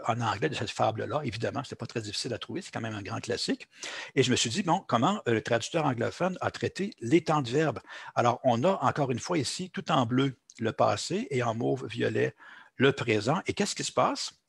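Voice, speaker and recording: A man's voice: medium pitch, lively intonation, brisk, creaky, husky, no room sound, studio quality. A man teaching translation in a recorded lecture, explaining at length with frequent fillers and restarts. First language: French. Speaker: translation instructor.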